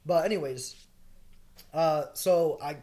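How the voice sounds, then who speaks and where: A young man co-hosting a podcast, telling a wild night story in casual, profane, animated chat with bursts of laughter. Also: fairly high pitch, slow. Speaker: podcast co-host.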